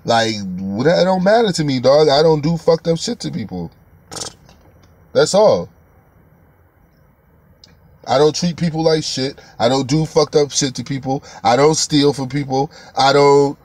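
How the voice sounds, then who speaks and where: Guy ranting on his live stream, kinda high voice, swears a lot, mocking and blunt. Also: dry recording. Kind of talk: casual live-stream commentary.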